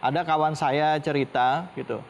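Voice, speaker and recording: A male TV host puts a viewer's question to a preacher in a hesitant, deferential way, with a voice fairly high for a man. Faint noise sits behind him. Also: fairly even intonation, normal speed, vocal fry, dull audio. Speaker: TV show host.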